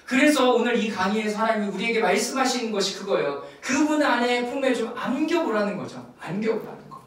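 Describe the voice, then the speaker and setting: A high-voiced male pastor teaches at a Friday prayer meeting, his pitch swinging widely as he acts out a story and coaches the congregation. The sound is very echoey and comes from a mic set some way off in the church hall. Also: fairly quick, distant mic. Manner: animated teaching with acted asides and audience prompts. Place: church sanctuary.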